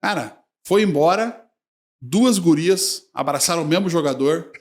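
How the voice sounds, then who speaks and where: A man's voice: on the high side, lively intonation, a little slow. A male sports journalist, telling anecdotes in a casual podcast chat with frequent laughter. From Brazil.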